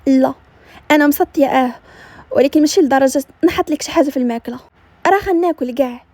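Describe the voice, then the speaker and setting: A woman playing a stubborn mischievous young wife, Moroccan Arabic accent, high-pitched, mellow tone. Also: quick pace, no echo, natural voice. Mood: nervous. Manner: defiant, cheeky.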